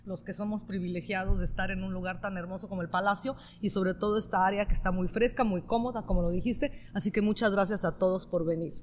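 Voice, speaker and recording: A woman from northern Italy with an Italian accent, an author chatting lively and at length as guest in a live podcast interview. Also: medium pitch, quick pace, hardly any pauses, slight background noise. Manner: lively, talkative, laughs often. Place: store event space with live audience.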